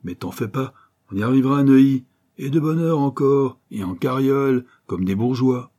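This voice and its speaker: A man's voice: mid-range voice, moderate pace, dark tone, voice pushed up, close to an everyday voice. A man voicing a bold, streetwise street urchin boy with slangy, boastful patter. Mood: cocky.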